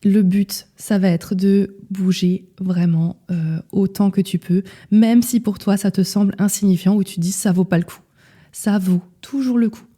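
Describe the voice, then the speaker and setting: A young woman hosting a nutrition podcast, talking casually and directly to the listener and often checking in with a quick question. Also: medium pitch, steady tone, warm tone. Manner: casual, direct, addresses listener as tu, frequent "d'accord?". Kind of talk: solo podcast talk.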